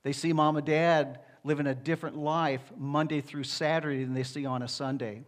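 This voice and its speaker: A man's voice: on the high side, steady tone, normal speed. A middle-aged man, a pastor, preaching a conversational sermon with rhetorical asides to the congregation.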